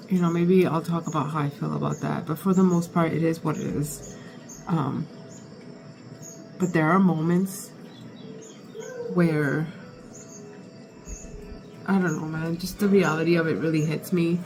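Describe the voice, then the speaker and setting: A woman vlogger records herself in casual, confessional talk, halting and candid as she stops, restarts and interrupts herself while thinking aloud. Her deep voice is fairly even, with vocal fry and a darkish tone, and the rough recording has faint music behind it.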